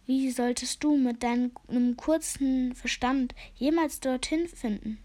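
A woman voicing a gloomy, self-important old male raven sage with a croaking voice and a grave, solemn way of speaking. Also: sits high, fairly even intonation, a little slow, a little mellow, voice pushed up. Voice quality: croaking, rasping.

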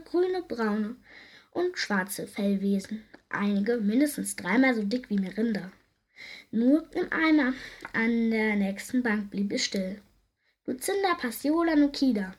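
A woman reading a children's story aloud in a lively, expressive way, with a breathy voice. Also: fairly high pitch.

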